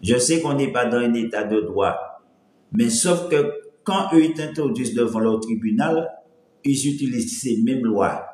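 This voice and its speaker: A man's voice: mid-range voice, lively intonation, moderate pace, darkish tone. A man from the Antilles, chatting casually on a live stream, his light voice cracking when he pushes it, rambling and greeting viewers one by one. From French Antilles. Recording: roomy echo.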